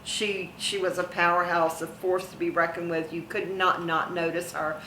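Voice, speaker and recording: A woman's voice: fairly low pitch, flat delivery, normal speed, bright, forceful tone, a little hiss or hum. Effusive middle-aged woman in echoey room. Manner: effusive, laughs often, gushing praise. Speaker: interview guest, theme park haunt performer. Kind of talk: casual interview reminiscence.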